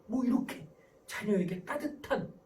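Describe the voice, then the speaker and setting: A man giving a lively lecture on parenting who acts out example dialogues as he explains. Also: sits high, normal speed, recorded from a distance, a little hiss or hum.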